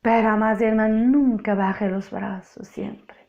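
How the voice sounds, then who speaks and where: A woman's voice: mid-range voice, steady tone, a little slow, dull audio. A woman from Portugal with a Portuguese accent, Portuguese native, giving an emphatic, repetitive spoken testimony sermon. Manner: emphatic, repeats phrases for effect.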